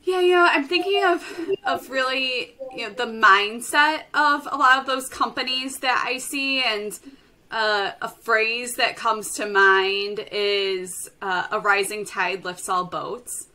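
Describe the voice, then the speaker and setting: A woman with a Chicago accent speaks as a podcast guest, her voice bright and sharp. She answers in a friendly, conversational way, sprinkling in fillers. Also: on the high side, slow. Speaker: guest from an industry association. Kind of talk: interview answers.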